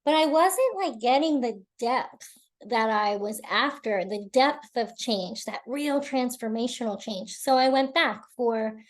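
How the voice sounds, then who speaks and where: Woman presenter on a video call, slightly high-pitched, earnest and encouraging. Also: lively intonation, unhurried. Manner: earnest, encouraging, repeats words for emphasis. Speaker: webinar presenter. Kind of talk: live webinar presentation.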